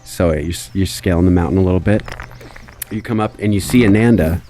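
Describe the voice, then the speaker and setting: A man's voice: low voice, fairly quick, warm tone, soft background music. A young man narrating a tabletop game as game master, loose and laughing. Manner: loose and laughing, lots of fillers.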